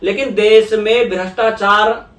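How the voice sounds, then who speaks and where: Brief: young male politician, higher voice, earnest explainer, mic at a distance. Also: fairly even intonation, unhurried, fairly bright tone. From India. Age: young adult. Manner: earnest, explanatory, repeats phrases for emphasis. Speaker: politician guest. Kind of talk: conversational interview. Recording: echoey room, voice away from mic.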